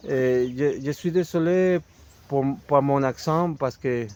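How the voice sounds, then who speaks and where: Mexican man, Spanish native, Mexican Spanish accent; slow, halting talk to camera, mid-pitched voice, keeps searching for words. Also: a little mellow, clear, resonant tone. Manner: halting, searching for French words with many restarts. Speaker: video host presenting a book. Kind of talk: unscripted casual talk to camera.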